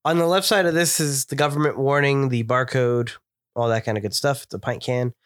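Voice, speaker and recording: A man's voice: mid-range voice, steady tone, a little fast, a bit bright, dry recording, studio quality. A man co-hosting a casual beer review podcast, talking in an enthusiastic, descriptive way while stuffed up from a cold. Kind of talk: casual chat.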